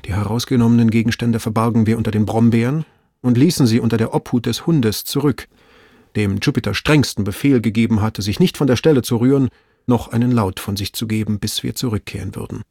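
A man reading a story aloud in measured, even scripted narration. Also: medium pitch, creaky, husky, no room sound, clean studio sound. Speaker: audiobook reader.

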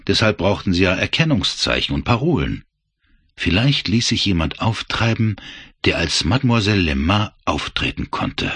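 A man narrating a novel as an audiobook in an expressive way. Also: low voice, moderate pace, husky, no echo. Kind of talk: scripted narration.

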